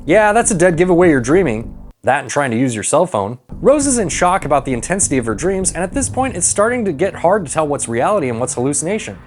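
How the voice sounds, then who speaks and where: A man narrates a comedic movie recap in a sarcastic, irreverent way. His pitch moves around a lot, he swears freely, and music plays behind him. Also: big pitch swings, quick pace. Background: background music.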